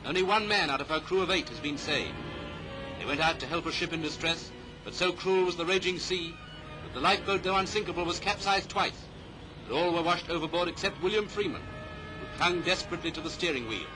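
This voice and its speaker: Fairly quick and fairly high in voice, a British newsreel narrator reads clipped, formal 1930s commentary from a script. The vintage soundtrack is low quality, with music clearly playing behind him.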